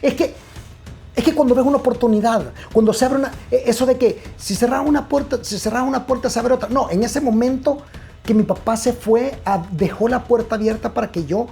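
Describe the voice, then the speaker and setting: A man's voice: very high voice, a little fast, vocal fry, dark tone, faint music behind. A man telling a comic story, profane and stumbling over repeated words as he searches for them.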